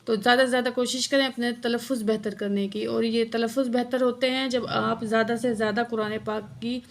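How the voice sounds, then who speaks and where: A woman teaching Quran recitation word by word, explaining each letter patiently and reciting slowly. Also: fairly high pitch, fairly even intonation, a little hiss or hum. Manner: slow drawn-out recitation of verses. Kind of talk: word-by-word tajweed lesson with slow recitation.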